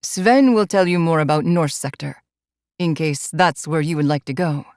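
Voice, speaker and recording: A woman voicing a gentle, confident adult male alpha with a soft, smooth, lightly teasing manner. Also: low-pitched, normal speed, dry recording, clean studio sound, pitched below the performer's own voice.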